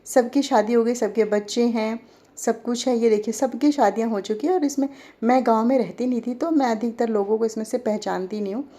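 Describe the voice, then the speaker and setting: Her fairly high, mellow voice moves briskly. She's a vlogger from Delhi, India, in her forties, talking casually and chattily to her viewers over old home video footage and putting questions to them.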